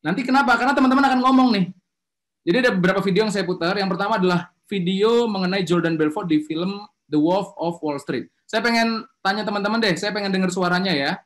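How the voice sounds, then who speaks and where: A quick-talking man with a fairly high voice leads an online webinar as a communication trainer. He keeps pressing the audience to speak up, lively and coaxing, and the sound comes through a video-call mic. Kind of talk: energetic online webinar presentation.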